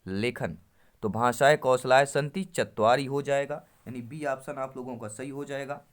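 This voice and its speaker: Man teaching, smooth clear voice. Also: medium pitch, moderate pace. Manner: reads Sanskrit options, then explains them in Hindi; addresses the viewers as friends and quizzes them. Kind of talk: exam-prep lesson.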